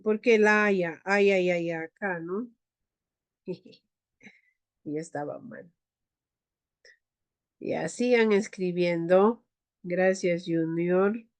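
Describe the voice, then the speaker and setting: Slow-speaking woman teaching an online class. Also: fairly low pitch. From Peru. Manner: slow, drawn-out pronunciation drills. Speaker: Quechua teacher.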